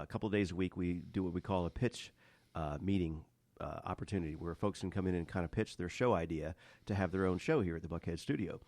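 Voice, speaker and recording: A man's voice: deep voice, a little mellow, no echo. A man hosting a business radio interview in a studio, chatty and joking, with many fillers. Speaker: radio show host. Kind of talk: casual interview chat.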